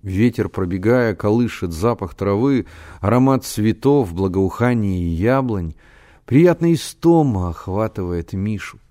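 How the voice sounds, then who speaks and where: Calm low-voiced male audiobook narrator. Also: measured pace.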